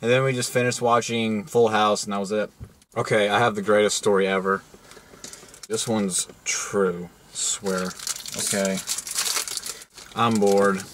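A man's voice: lowish voice, flat delivery, measured pace, pauses often. A young man co-hosting a crude comedy show, telling rambling joking stories with slang and filler. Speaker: co-host.

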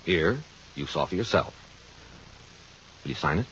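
A man's voice: sits low, expressive, unhurried, fairly bright tone. An actor playing a pleading, flustered insurance company man in an old radio drama. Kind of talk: 1950 radio drama acting. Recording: muffled, faintly noisy old radio recording.

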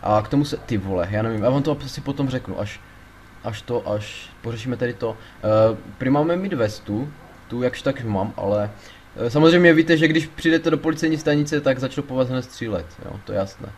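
A man giving casual gameplay commentary, excitable, swearing a lot and panicking loudly when things go wrong. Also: medium pitch, a little hiss or hum. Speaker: let's play gamer.

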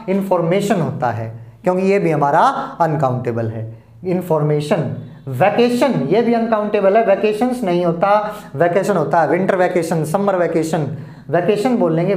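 A man's voice: high voice, a little mellow. Man teaching grammar patiently. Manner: patient, repeats points, addresses students as "beta". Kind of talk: classroom lesson explaining at a board. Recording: echoey room.

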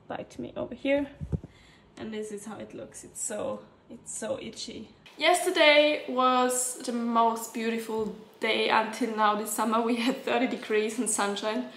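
A woman's voice: a little high, a bit bright. A young woman with a sick, congested voice, chatting casually in a daily vlog and laughing often. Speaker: vlogger.

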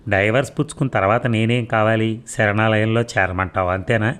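A man's voice: on the low side, steady tone, brisk, a bit bright, clean tone, close to an everyday voice. A man voicing an unhappy young married woman whose lines are pleading and bitter, in a read-aloud story.

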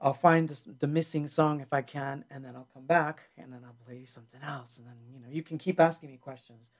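A middle-aged man hosts a casual livestream from his small home music studio, chatting loosely, joking and answering viewer questions over a headset mic. His voice is a little high and steady in tone, and he talks a little fast.

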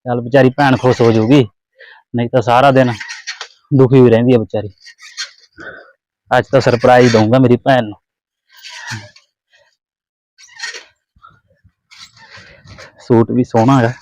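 A man's voice: mid-range voice, level tone, brisk, pauses often, a little hiss or hum, natural voice. A man playing a caring brother who comforts his crying sister. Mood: cheerful. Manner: warm, comforting. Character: kind loving young brother, working man.

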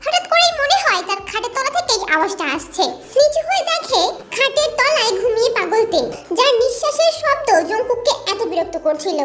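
A woman storyteller gives an expressive, dramatic scripted reading of a romantic story over background music. Her voice is very high-pitched, and there is background noise.

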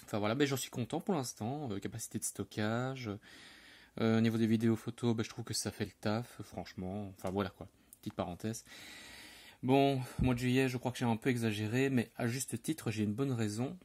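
A man's voice: medium pitch, brisk, darkish tone. A man with a Belgian French accent chatting casually through his monthly haul of collectible figures, rambling with fillers and asides.

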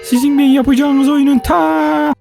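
Woman gaming host for a let's-play. High-pitched, gravelly edge, excitable, keeps talking to viewers over faint music. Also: a little slow.

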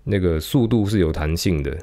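A man's voice: deep voice, fairly quick, dark tone. A man teaching how to read a sheet of music, explaining patiently step by step, counting beats aloud and scatting through passages.

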